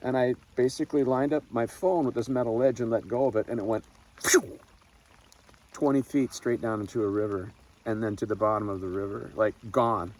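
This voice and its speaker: A man hosting a casual outdoor video update from a bike tour. He talks in a relaxed way with many filler pauses. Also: medium pitch, slight background noise. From Minnesota, United States. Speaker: vlog host on a bicycle tour. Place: outdoors by a lake in the rain.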